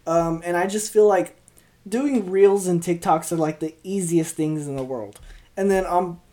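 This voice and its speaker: A woman's voice: lowish voice, a little slow, mellow. Rambling twenty-year-old woman podcaster. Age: 20s. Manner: rambling, stumbling, upbeat. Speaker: podcast host. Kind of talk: casual solo podcast chat. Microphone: podcast mic, also filmed for video.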